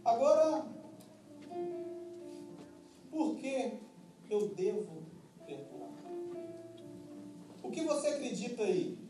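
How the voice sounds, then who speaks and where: High-voiced man preaching from Minas Gerais. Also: big pitch swings, takes it slowly, long pauses. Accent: Minas Gerais Brazilian Portuguese. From Minas Gerais, Brazil. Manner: humorous, storytelling, emphatic preaching. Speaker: pastor. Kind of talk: preached sermon. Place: church hall before a congregation. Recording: echoey church hall, distant mic, music and congregation.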